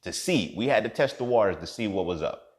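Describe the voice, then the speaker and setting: A man in his thirties giving a profane, impassioned monologue as a podcast host, swinging from low muttering to loud outbursts. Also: lively intonation, fairly quick. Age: 30s.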